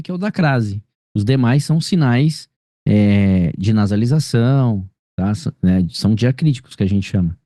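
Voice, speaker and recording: A man with a Brazilian Portuguese accent, a grammar teacher, tutors a female student one-on-one over a video call. His medium-pitched voice is warm, and the studio sound is clean with no room sound. He explains patiently and keeps checking she follows with frequent tag questions.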